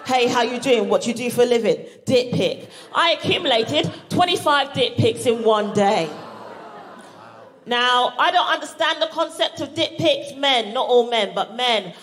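Speaking at a normal speed with a fairly high voice, a woman comic from Barbados who has a British accent does a sweary, exclamatory stand-up set before a live audience. She's animated and acts out reactions, and the venue recording carries audience laughter and room noise.

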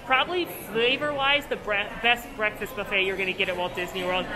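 A young woman with a brisk, mid-range voice and fairly even intonation vlogs a casual, enthusiastic food review and tour inside a large buffet restaurant. She's a chatty, gushing food and theme park vlogger, and the recording picks up busy crowd chatter plus music in the background.

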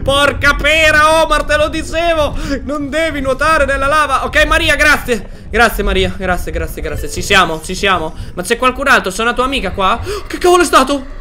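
A man commenting on his own gameplay in an excited, jokey way, yelping and shouting when he gets scared. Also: very high voice, normal speed, hardly any pauses, slight background noise. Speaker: gaming YouTuber.

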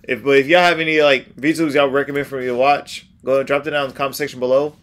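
A man's voice: medium pitch, flat delivery, very fast, a bit bright. A man in his thirties chatting casually as a reaction video host, laid-back and slangy with exclamations. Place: small furnished room at home.

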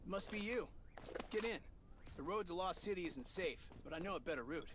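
A man's voice: high-pitched, lively intonation, fairly quick, background noise. An actor playing a serious, earnest male survivor giving directive mission briefings in a video game. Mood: serious, urgent.

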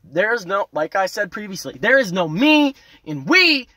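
A young man ranting to camera in a casual, foul-mouthed vlog, loud and animated, veering between yelling and muttering, parked at a roadside turnout. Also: high-pitched, normal speed. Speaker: vlogger. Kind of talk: casual profane rant to camera.

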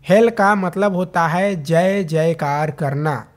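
A young man teaching English vocabulary in Hindi, saying each word several times before giving its meaning. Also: fairly high pitch. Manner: repeats each word slowly, then gives its meaning. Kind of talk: vocabulary lesson.

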